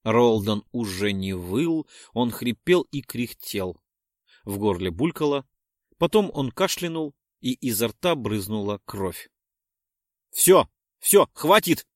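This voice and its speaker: Steady male audiobook narrator, dry sound. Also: lowish voice, a little slow, no echo. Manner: steady, rising to urgent shouts in dialogue. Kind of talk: scripted first-person narration.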